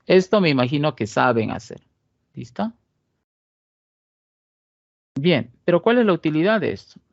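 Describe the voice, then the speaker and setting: A Bolivian teacher from Cochabamba lectures on statistics, explaining things step by step, asking rhetorical questions and often pausing for a "¿listo?". His fairly high voice swings widely in pitch and carries vocal fry as he talks at a normal speed. The recording has no echo but sounds dull.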